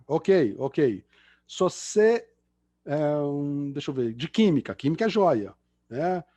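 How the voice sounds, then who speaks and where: A middle-aged Brazilian man with a Mineiro accent rounds off an online talk, full of self-mocking jokes and filler words. His voice sits a little high and sounds husky. The video-call sound is dry and close. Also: darkish tone, dry recording. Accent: Mineiro Brazilian Portuguese. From Belo Horizonte, Brazil. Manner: chatty, self-mocking joker with many fillers. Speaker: guest lecturer, engineer. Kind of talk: casual online lecture Q&A.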